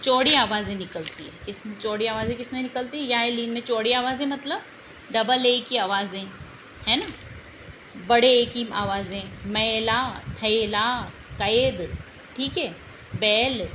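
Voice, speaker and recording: A woman teaching an exam-prep language lesson at an unhurried pace, her voice bright and a touch high. She speaks with patience, repeating each example word and checking that her students follow. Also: a little hiss or hum, rough recording.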